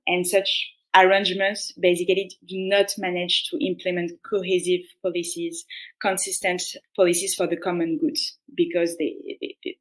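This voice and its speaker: On a podcast, a young adult guest economist speaks with a French accent in a voice on the low side, heard through poor audio. Her patient, earnest explanations are full of restarts and frequent "like"s.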